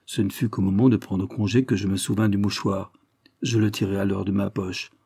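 A man narrating a classic novel in the first person in a measured, even storytelling manner. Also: on the low side, gravelly, husky, no echo, clean studio sound. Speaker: audiobook narrator.

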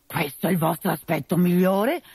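A woman's voice: lowish voice, moderate pace, vocal fry, a little mellow, husky, dry recording, clean studio sound, full character voice. A woman voicing a boastful, cowardly male army captain who blusters and gasps. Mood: aghast. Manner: blustering, aghast.

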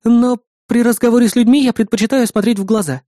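A man voicing a poised young film actress who speaks in a cool, measured and probing way in an audiobook. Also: extremely high pitch, steady tone, dark tone, dry recording, studio quality, voice pushed up.

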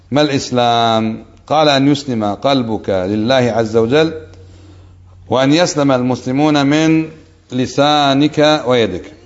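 A man teaching a religious lesson, explaining texts and slipping in light humorous anecdotes. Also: on the high side. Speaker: sheikh teaching a hadith book. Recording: dull lo-fi lecture recording.

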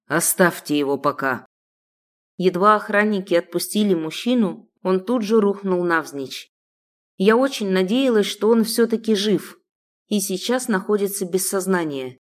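Woman narrating a dramatic novel. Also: medium pitch. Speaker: audiobook narrator. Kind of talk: first-person novel narration.

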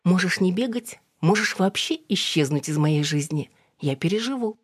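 Cool teasing young woman, purring and lofty, read by a woman with a husky voice. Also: fairly low pitch, expressive, moderate pace, dry recording, clean studio sound, voice pushed up.

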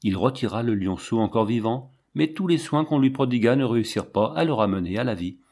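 A man narrating an audiobook in a measured, dramatic reading. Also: mid-range voice, animated, a little mellow.

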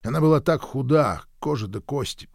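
Expressive male audiobook narrator. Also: mid-range voice, normal speed, creaky, no room sound, clean studio sound. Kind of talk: first-person literary audiobook reading.

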